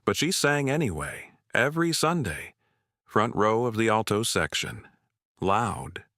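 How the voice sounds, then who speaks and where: Man voicing old rural neighbor, seventies, gentle, folksy, low voice, dry sound. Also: sing-song, a little slow, no room sound. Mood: gentle, fond. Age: 70s. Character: older male Vermont neighbor, gentle storyteller.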